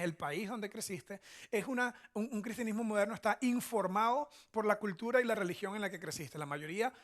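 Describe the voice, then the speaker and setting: He's a pastor preaching in a conversational, instructive way, his Venezuelan Spanish accent clear and his questions often ending in quick tags to check in. The voice is high-pitched and fairly bright in tone.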